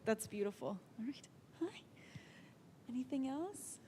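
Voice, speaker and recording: Speaking into a handheld mic in a synagogue sanctuary, a service leader guides a live prayer service with warm, upbeat encouragement for the congregation. Her high, husky voice is very animated and a little slow, carried by long hall reverb.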